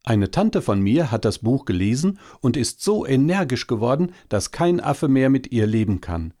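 A man voicing a small, timid, eager and helpful monkey in a storybook reading, with a quick, earnest, pleading manner. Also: medium pitch, very animated, dark tone, pitched above the performer's own voice.

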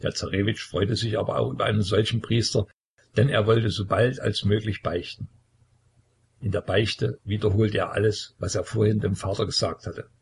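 A man reading a historical novel aloud as an audiobook narrator, measured and solemn, with a husky, creaky voice. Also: fairly low pitch, fairly even intonation, slight background noise.

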